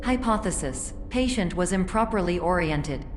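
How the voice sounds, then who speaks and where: A woman voicing a cold, malfunctioning female computer system with a glitching robot voice, speaking in a flat, clinical, literal way. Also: lowish voice, moderate pace, faint music behind. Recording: long reverb, faint noise.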